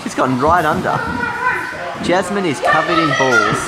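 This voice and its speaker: Lively family vlogger over loud road noise. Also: mid-range voice, moderate pace. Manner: casual, asks questions from behind the camera. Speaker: family vlogger filming the day. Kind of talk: casual vlog narration. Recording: loud background noise, outdoors and car.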